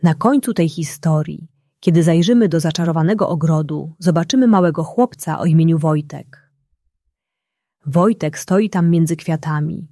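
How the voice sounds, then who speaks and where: A woman narrating a bedtime story for children in a gentle, unhurried way. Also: low voice, no room sound, clean studio sound.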